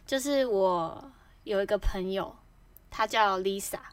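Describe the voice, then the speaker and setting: A young woman from Kaohsiung with a Taiwanese Mandarin accent, co-hosting a podcast in casual chat who reacts loudly and laughs easily. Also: medium pitch, a little slow, clean tone, no room sound, recorded from a distance. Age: young adult. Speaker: podcast co-host.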